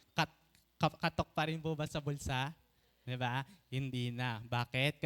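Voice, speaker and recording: A man preaching a sermon in Tagalog mixed with English, often asking the congregation for an amen and slowing down to stretch out key phrases. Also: mid-range voice, fairly bright tone, clear, resonant tone.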